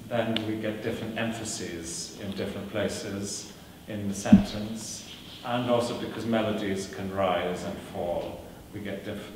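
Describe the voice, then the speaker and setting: A performer whose first language is Welsh answers audience questions in a lecture, speaking in a measured, reflective way with frequent pauses, fillers and restarted sentences. His voice sits slightly low. He is recorded from a distance in a large, echoey hall with noticeable background noise.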